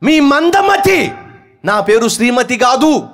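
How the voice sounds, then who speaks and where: A man voicing an indignant wife who shouts accusations at her husband in a shrill voice. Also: big pitch swings, moderate pace.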